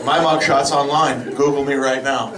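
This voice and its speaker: A man doing a stand-up comedy set, telling self-mocking stories in a deadpan way and slipping into quick quoted voices. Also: medium pitch, heavy background noise. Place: comedy club stage with live audience. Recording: roomy club recording, far mic, loud crowd laughter.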